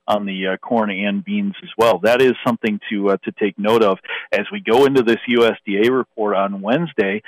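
A man speaking over the phone as a grain market analyst in a radio interview, halting with many fillers. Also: fairly low pitch, no echo, low-quality recording. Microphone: telephone.

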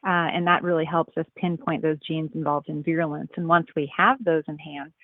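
Over a tinny phone line, a woman nematologist answers a radio interviewer's questions. Her voice is low and dry of room sound, and she explains things carefully, dropping in plenty of ums and uhs.

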